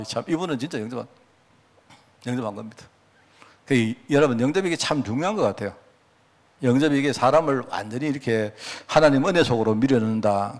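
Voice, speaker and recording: Male pastor, sermon, animated storyteller who acts out quotes, very expressive. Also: fairly high pitch.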